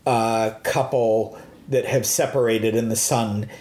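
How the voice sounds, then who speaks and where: A man's voice: fairly low pitch, fairly even intonation, slow pace, a little mellow. A man from the United States chatting casually as a co-host, rambling and hesitant with many fillers. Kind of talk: casual chat. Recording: roomy echo.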